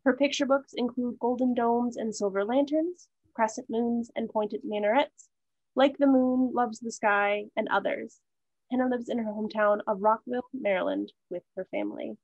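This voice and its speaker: Higher-voiced woman reading introductions. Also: moderate pace, gravelly, dry recording. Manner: steady, scripted reading with small slips. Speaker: event moderator. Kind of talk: read-out speaker introductions. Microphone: video call. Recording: dull, dry video call audio.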